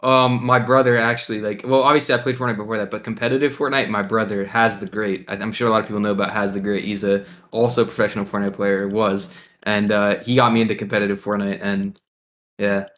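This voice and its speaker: A bright, clear-toned teenage boy from Ohio chats loosely in an interview. He rambles with fillers like "like" and "um". He chuckles often as he answers. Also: on the low side, level tone, quick pace. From Ohio, USA. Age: teens. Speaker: guest, pro gamer. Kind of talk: casual interview.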